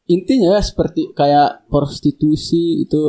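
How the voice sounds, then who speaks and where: A man's voice: on the high side, a little slow. A young man chatting casually, laid-back and slangy, often laughing. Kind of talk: casual chat. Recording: echoey room.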